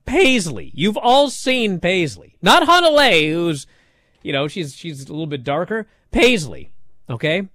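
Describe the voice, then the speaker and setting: A man's voice: high-pitched, sing-song, measured pace, a bit bright, no echo. A man hosting a sports radio talk show with casual, opinionated banter and an emphatic manner.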